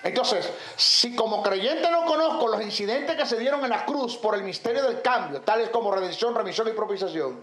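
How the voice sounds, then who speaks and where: A man's voice: sits high, lively intonation, normal speed, few pauses, fairly bright tone. A man teaching theology as a Bible teacher, firing rhetorical questions and listing terms emphatically. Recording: echoey room, faint background noise.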